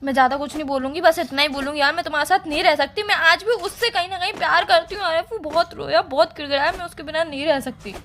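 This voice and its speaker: A woman's voice: sits high, steady tone, quick pace, hardly any pauses, fairly bright tone, slight background noise. A young woman, talking firmly with her boyfriend in a prank vlog. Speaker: girlfriend pulling a prank. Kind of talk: emotional couple prank vlog.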